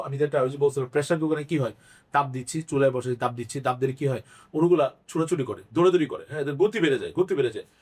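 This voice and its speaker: A man teaching chemistry in a Bangladeshi Bengali accent, asking the class questions and answering them himself. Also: fairly high pitch. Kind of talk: classroom lecture.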